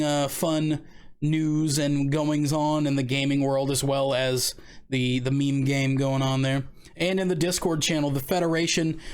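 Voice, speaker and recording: A man in his thirties hosts a casual live-stream chat at an ordinary mid-range pitch. He rambles in a relaxed way, full of fillers and restarts. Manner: rambling, laid-back, many fillers and restarts. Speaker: streamer host.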